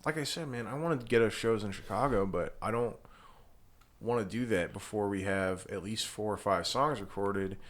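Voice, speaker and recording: A man's voice: on the low side, normal speed. A man in his early thirties chatting casually in profane, slangy talk peppered with man and dude. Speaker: band musician and podcast participant. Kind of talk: casual chat.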